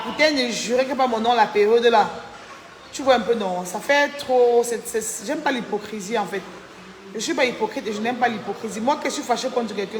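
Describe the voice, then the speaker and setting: A tired woman with a fairly high voice chats casually on a live stream, reading out viewers' names to thank them and indignantly venting about a falling-out. The sound is roomy with a long reverb tail and a little background noise.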